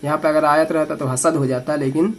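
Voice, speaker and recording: A man teaching Quran reading, slowly spelling out syllables letter by letter and then explaining the rules in quicker asides, with an Indian Urdu-Hindi accent. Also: a little high, little pitch movement, faint music behind. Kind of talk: slow letter-by-letter recitation lesson.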